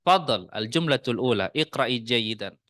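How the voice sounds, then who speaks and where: A man with an Indonesian accent teaching an Arabic class in a mosque study room, in a casual classroom manner, mixing Arabic phrases into relaxed Indonesian with joking asides. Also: medium pitch, a little slow, dry recording, studio quality.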